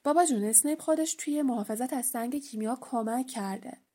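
A woman's voice: a little high, mellow, lightly acted. Storybook: woman reading as a big cagey gamekeeper who rambles and boasts, only lightly voiced. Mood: boastful. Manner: chatty, rambling.

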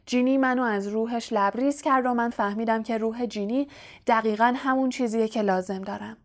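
A woman voicing a scheming young male wizard in an audiobook, speaking in a soft, silky, menacing way. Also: on the high side, steady tone, close to an everyday voice. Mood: gloating. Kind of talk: audiobook character voice.

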